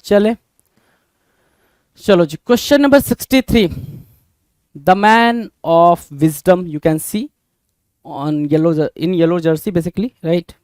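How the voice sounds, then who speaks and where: A man with an Indian accent gives a Hindi-English vocabulary lesson, mixing the two languages, repeating questions to his students, and calling them brother. His high voice is smooth, clear, and darkish, with drawn-out words and frequent pauses. The sound is dry and close, with no room echo.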